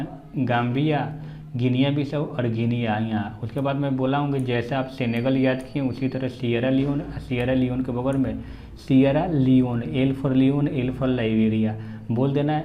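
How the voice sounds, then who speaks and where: A man teaching geography for exams, reciting country names in drills and urging viewers to repeat after him. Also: mid-range voice. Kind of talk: exam-prep map lesson. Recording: echoey room, dull lo-fi sound, faint background hum.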